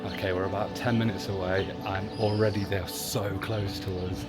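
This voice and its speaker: An upbeat British man chats to the camera while travelling, casual and friendly. His voice is on the low side. Music runs clearly underneath. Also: level tone, normal speed. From Britain. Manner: chatty, upbeat. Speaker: travel vlogger. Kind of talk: casual vlog talk to camera.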